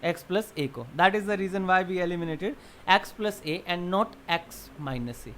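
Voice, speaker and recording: A male math lecturer teaching a class, moving between Hindi and English. His pitch swings widely as he asks quick questions and answers them himself. A faint hiss sits under the voice. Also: a bit bright. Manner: keeps quizzing students with quick check questions; explains step by step, then answers his own questions.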